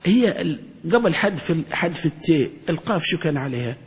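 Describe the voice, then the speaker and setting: A man's voice: on the high side, sing-song, brisk. A man teaching grammar as a sheikh, often asking his students questions and restarting his words. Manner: questioning, repeats points, stumbles and restarts. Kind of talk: classroom lesson explanation. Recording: long reverb in a hall.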